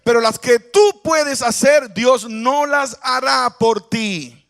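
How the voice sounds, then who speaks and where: A man preaching a sermon with passion, swinging between loud calls and hushed passages. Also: extremely high pitch, slow, creaky. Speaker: pastor.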